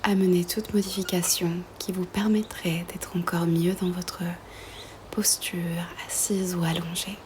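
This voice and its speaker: This yoga nidra guide speaks in a fairly low, flat, half-whispered voice, breathy and soft, soothing and gentle in manner. She leaves long pauses between phrases, over some background noise.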